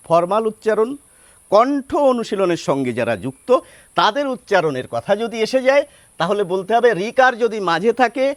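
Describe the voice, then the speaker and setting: A man giving a spoken lesson on pronunciation, spelling words out slowly step by step and asking rhetorical questions. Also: high voice, no room sound. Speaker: Bengali pronunciation teacher.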